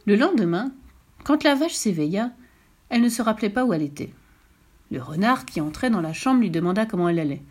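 A woman reading a bedtime story aloud, her voice lively and full of movement as she goes. She tells it gently and expressively, as a storyteller for children. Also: mid-range voice, brisk.

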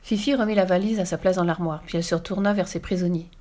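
A woman reading a children's story aloud with lively, expressive storytelling. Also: fairly low pitch, quick pace.

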